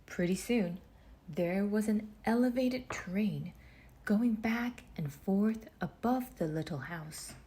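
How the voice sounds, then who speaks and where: A woman reading a children's storybook aloud in measured phrases with deliberate pauses, her husky voice turning breathy as phrases end. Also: medium pitch, warm tone, slight background noise. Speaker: storybook reader. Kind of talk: children's read-aloud narration.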